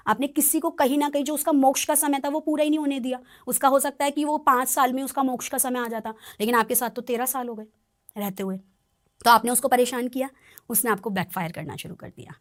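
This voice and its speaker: Earnest woman tarot reader explaining. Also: on the high side. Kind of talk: podcast conversation.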